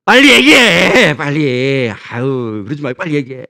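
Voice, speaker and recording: A man voicing a suspicious grown son who impatiently demands to know what his parent is after, his voice jumping high and loud. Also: sing-song, normal speed, creaky, heavily acted. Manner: shouting, impatient and wary.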